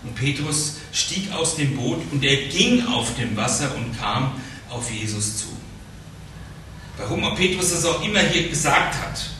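A man teaches from the Bible in a relaxed, conversational way, stumbling over repeated words and checking in with his listeners. His voice is bright and forward. He sounds set back from the microphone in a strongly echoing room, with a faint hiss of noise behind him. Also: mid-range voice. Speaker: preacher leading a Bible study. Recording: very echoey room, distant mic, faint noise.

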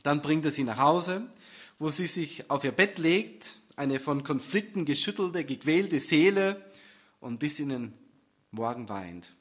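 A man's voice: a little high, lively intonation, unhurried. A man narrating a comic story in a dry, wry manner.

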